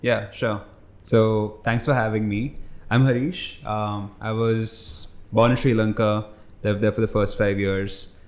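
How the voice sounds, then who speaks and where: A young man who grew up in India, now a startup founder, guests on a casual podcast and tells loose, reflective stories packed with "like" and "you know." His voice is lowish, flat in delivery and a little slow. The recording has a roomy echo.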